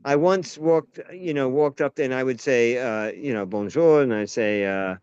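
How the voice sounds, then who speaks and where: In casual conversation, an American actor and playwright spins rambling tales, often cutting himself off to begin sentences again. He speaks at a medium pitch and normal speed with a smooth voice, captured in a dry, lo-fi recording.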